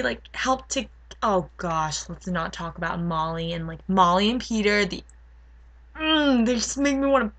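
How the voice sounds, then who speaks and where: A young woman in her teens gushing about a book she loves in a casual vlog, full of filler words, rambling fast and squealing up high when excited. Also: gravelly. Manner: gushing, rapid, many filler "likes", squeals into high pitch. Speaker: book vlogger.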